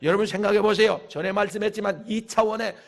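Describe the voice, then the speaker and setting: A man, a pastor, preaching a sermon with emphatic bursts and shouted hallelujahs. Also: high voice, fairly even intonation, quick pace, gravelly.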